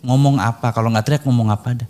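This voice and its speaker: A man's voice: medium pitch, steady tone, racing, dark tone. Man retelling a debate, voicing both sides. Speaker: interview guest. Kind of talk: casual storytelling interview.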